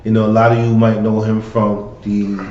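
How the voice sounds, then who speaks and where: A man's voice: fairly low pitch, completely flat delivery, moderate pace, a little mellow, a little hiss or hum. A man co-hosting a casual podcast, blunt and opinionated, often laughing. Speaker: podcast co-host. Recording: echoey room, dull lo-fi sound.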